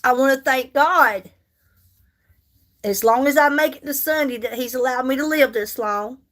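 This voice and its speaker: An American woman in her 50s, with a high, fairly bright voice at a moderate pace, chats casually on a makeup livestream. She reads viewer comments and answers them, chatty and repeating herself for emphasis as she does her makeup.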